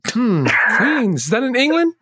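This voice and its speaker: A woman's voice: fairly high pitch, sing-song, measured pace, a bit bright, breathy edge, heavily acted. A woman playing a sugary, passive-aggressive diner waitress with a Southern accent and folksy, syrupy manner, in improvised comedy. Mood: condescendingly sweet. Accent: American South. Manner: folksy, syrupy, hesitant repetitions.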